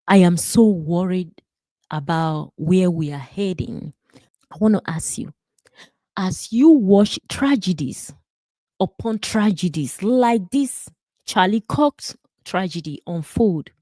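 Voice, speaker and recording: A woman's voice: fairly low pitch, warm tone, no echo. A woman in her thirties from Nigeria with a Nigerian accent, a nurse and minister giving an earnest testimony and preaching, repeating words for stress. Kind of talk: personal testimony and preaching to camera.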